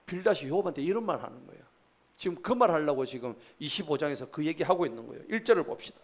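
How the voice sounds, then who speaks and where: A man's voice: on the high side, expressive, fast, creaky. A man, preaching a sermon at a church service in a folksy, joking way and quizzing the congregation. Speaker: pastor.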